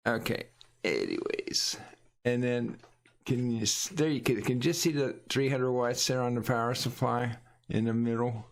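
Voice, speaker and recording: A man with a lowish, gravelly voice hosts a casual livestream chat. He rambles as he goes, breaking off and restarting his sentences. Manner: rambling, halting, with frequent restarts. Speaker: Twitch streamer hosting a livestream.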